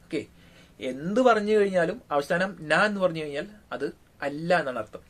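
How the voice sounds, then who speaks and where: Man, Malayali accent, slightly high voice, patient teaching tone, drawn-out fillers. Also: animated, fairly bright tone. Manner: unhurried, frequent drawn-out fillers. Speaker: language teacher. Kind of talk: casual spoken lesson.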